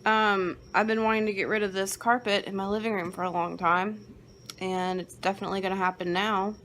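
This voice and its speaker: A woman's voice: medium pitch, a little fast. A woman filming a casual family vlog on her phone while travelling, chatty, giggly and worn out. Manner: animated and giggly, then weary and deflated. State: tired. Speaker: vlogger, mother. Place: airport, plane and home. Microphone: handheld phone. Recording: noisy phone video with vehicle hum.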